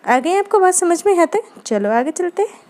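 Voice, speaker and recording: Woman lecturer, high and mellow voice, patient explainer who keeps checking in with students. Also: lively intonation, fairly quick. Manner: explanatory, frequent "ठीक है दोस्तों" check-ins. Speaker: Hindi literature teacher. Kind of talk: exam-prep lecture.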